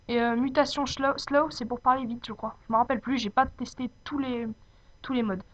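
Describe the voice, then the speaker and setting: A woman giving an informal, unscripted software tutorial, speaking hesitantly as she searches for her words. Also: on the high side, steady tone, fairly quick. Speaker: tutorial presenter. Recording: dull lo-fi home microphone.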